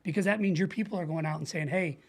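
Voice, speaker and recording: As a podcast guest, this middle-aged leadership coach speaks with an American accent and a fairly high, creaky voice. The interview is casual, and he explains things earnestly and informally, the way a coach would, using brief everyday examples.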